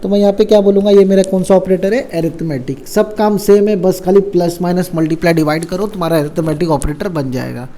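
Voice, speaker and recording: A man's voice: high-pitched, fast, few pauses, mellow. Chatty man teaching coding basics. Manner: conversational, keeps quizzing with rhetorical questions. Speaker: programming teacher. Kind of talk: casual coding tutorial.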